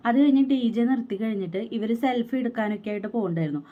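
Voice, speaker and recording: A young pregnant woman with a fairly high, expressive voice tells a personal story in her vlog, quickly and with a sense of grievance, quoting what other people said. The audio is narrow and tinny.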